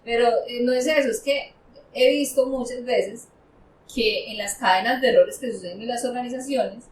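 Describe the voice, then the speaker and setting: A fairly high-voiced woman from Colombia, an accountant and auditor, talking casually on a panel. She is animated and acts out the people she quotes. Her voice sits a little away from the mic in an echoey room with a faint hiss. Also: moderate pace, distant mic.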